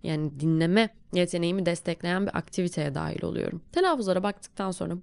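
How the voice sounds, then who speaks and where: A woman with a Turkish accent giving a casual lesson as an English teacher, talking the learner through each step in a lively way. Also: lowish voice, fast, gravelly, clear, resonant tone, no room sound.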